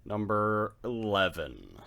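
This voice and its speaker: A man with a low voice that swings widely in pitch, co-hosting a gaming podcast. He laughs often and makes self-deprecating jokes in casual chat. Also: wildly swooping pitch, slow pace, gravelly, bright, forceful tone. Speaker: podcast co-host.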